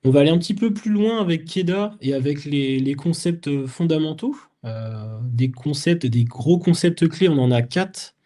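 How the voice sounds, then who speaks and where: A man's voice: on the high side, expressive, moderate pace, few pauses, warm tone. A man from France giving a technical conference talk, explaining step by step with frequent fillers and restarts. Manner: explanatory, many fillers and restarts, plays out imagined inner voices. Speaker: conference speaker.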